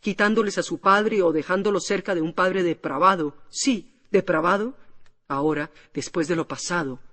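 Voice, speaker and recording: A man reading an audiobook, voicing a bitter, wounded noblewoman who scolds her unfaithful husband in a sharp, scornful way. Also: high voice, moderate pace. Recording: long hall reverb.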